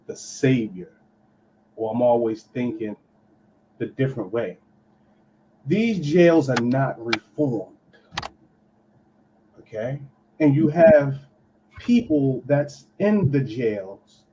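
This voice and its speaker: A man's voice: mid-range voice, dark tone. Muffled call-in man, as if in a tunnel. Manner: emphatic, preachy, drops in "okay" to drive points home. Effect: muffled call-in line, as if in a tunnel. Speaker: pastor calling in. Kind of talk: call-in commentary. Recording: muffled call audio with faint hiss.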